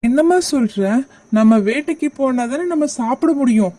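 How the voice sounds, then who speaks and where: A woman voicing a gruff adult male hunter speaking firmly to his wife in a cartoon. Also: sits high, lively intonation, normal speed, dark tone, no echo.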